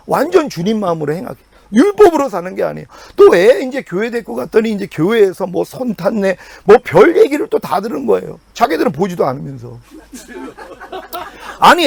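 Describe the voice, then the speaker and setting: Male pastor, middle-aged, high lively voice with gravel, preaching with big swings, dry sound. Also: dry recording. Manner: animated preaching with sudden pitch jumps and quiet drops. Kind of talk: sermon.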